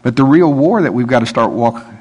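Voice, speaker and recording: Husky-voiced male pastor preaching. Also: mid-range voice, animated, brisk, a little mellow, highs cut off. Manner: conversational, joking, with laughs. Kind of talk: sermon.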